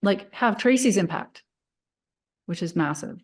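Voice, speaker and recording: A woman's voice: mid-range voice, lively intonation, unhurried. A woman hosting an interview, talking in an enthusiastic, chatty way with many fillers. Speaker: interview host. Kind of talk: casual interview talk.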